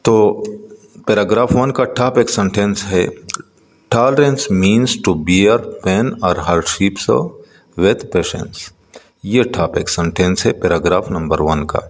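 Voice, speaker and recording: A man teaching a textbook lesson, reading English lines slowly and then explaining them, with frequent hesitant pauses. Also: fairly low pitch, big-room sound.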